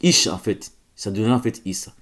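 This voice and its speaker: A man's voice: fairly low pitch, fast talker, a bit bright. A man giving an informal spoken lecture, hesitant, often repeating words and checking that listeners follow. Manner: insistent, stresses key words. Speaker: religious lecturer.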